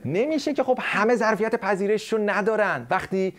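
A man hosting a satirical comedy show, delivering a mocking, sarcastic monologue. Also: high voice.

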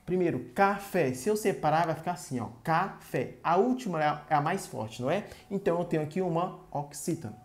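Brazilian woman grammar teacher, low mellow voice, clear and didactic, stretches syllables when giving examples. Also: animated, fast, hardly any pauses. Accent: Brazilian Portuguese. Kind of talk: short online grammar lesson.

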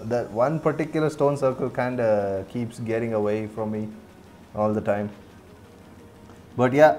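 A man's voice: mid-range voice, mellow. Chatty Indian man streaming gameplay. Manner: chatty, laughs often, answers chat. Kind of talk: casual gameplay commentary.

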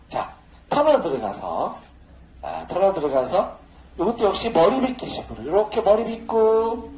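A man's voice: high voice, a little mellow. A man teaching a social dance lesson in a casual, joking manner, laughing often as he talks. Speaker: dance instructor. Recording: echoey room with faint noise.

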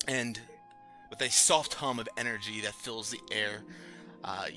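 A man's voice: lowish voice, fairly even intonation, a little slow, bright, forceful tone, soft background music. A man working as game master, narrating a tabletop fantasy game in descriptive prose.

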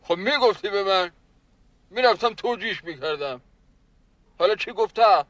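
A man's voice: high-pitched, animated, fairly bright tone, dry recording, poor audio. An actor playing a lovestruck, boastful male caretaker who talks of love in flowery words in a sitcom. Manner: doting, flowery talk of love, calls others "baba jan". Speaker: caretaker in love with a young woman. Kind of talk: sitcom acting.

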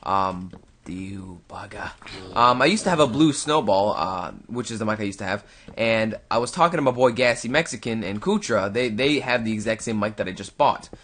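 His voice is on the low side yet fairly bright, with lively intonation and a moderate pace. The speaker, a young Canadian man who makes gaming videos on YouTube, rambles casually through a let's-play close to the mic, addressing viewers and himself.

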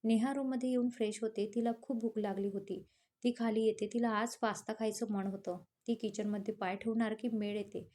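A woman narrating a romantic story, reading in a steady, even way. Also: on the high side, fairly quick.

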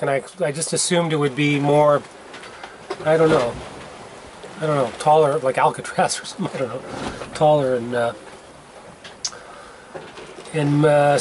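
A man in his fifties vlogging alone from his sailboat at sea, talking in a relaxed, rambling way and often correcting himself. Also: fairly high pitch. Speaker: solo sailor vlogging. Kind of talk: casual video diary. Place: outdoors on a sailboat cockpit at sea. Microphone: handheld camera at arm's length. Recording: windy outdoor camera audio with sea noise. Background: wind and water noise.

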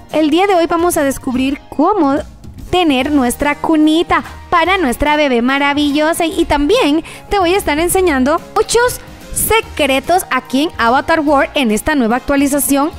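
A woman hosting gameplay commentary, playing a frazzled mother in a theatrical, exclamatory way and talking straight to her viewers. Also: high-pitched. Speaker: gaming channel host.

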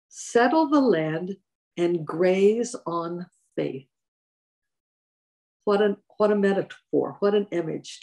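A woman's voice: medium pitch, darkish tone. Older woman giving a home devotional. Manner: measured reading, then conversational with hesitations. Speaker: church devotional speaker. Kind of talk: scripture reading and devotional reflection. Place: home room indoors. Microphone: webcam at desk distance.

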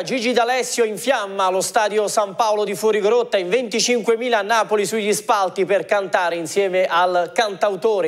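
Male studio newsreader in his thirties, high voice, scripted delivery. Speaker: news anchor. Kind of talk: scripted studio news reading. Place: television news studio.

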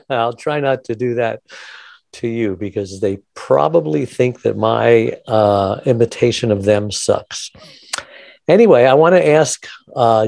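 A man's voice: medium pitch, creaky, a little mellow, dry recording, studio quality. A man hosting a radio-style podcast interview, talking in a chatty, upbeat promo patter. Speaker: podcast host.

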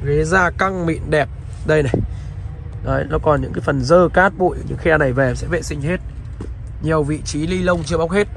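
A man with a fairly high voice and some vocal fry talks a little quickly over background noise. He's giving a used car walkaround in a dealer's patter, politely addressing viewers as he moves outside and inside a car parked by the road.

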